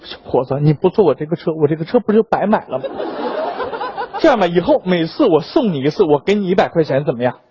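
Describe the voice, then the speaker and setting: A man voicing a kindly old rich man, speaking softly and low, coaxing someone into his car. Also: huge pitch swings, quick pace, highs cut off, slight background noise.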